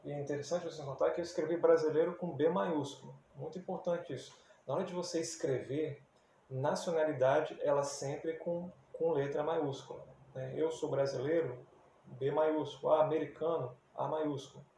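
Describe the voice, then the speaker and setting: A man's voice: on the high side, steady tone, moderate pace, mellow. A man from Brazil giving a casual English lesson, explaining step by step and often adding tag questions. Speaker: English teacher. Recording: very echoey room, faint background hum.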